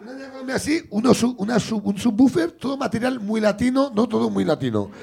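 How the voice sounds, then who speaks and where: A man with a gravelly, husky voice, telling a comic story in casual chat and acting out the voices in it. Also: extremely high pitch, fast talker. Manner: animated, acts out voices in his anecdotes. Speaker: comedian host.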